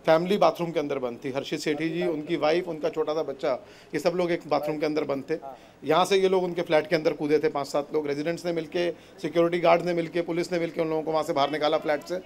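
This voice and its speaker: Gravelly man giving a rapid witness account. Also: fairly high pitch, fairly even intonation, darkish tone. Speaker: resident witness. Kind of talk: on-scene interview.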